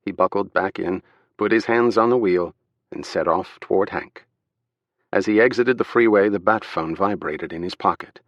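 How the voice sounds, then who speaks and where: Deep-voiced man narrating a thriller. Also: moderate pace, no room sound, muffled recording. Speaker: audiobook narrator. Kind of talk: scripted narration.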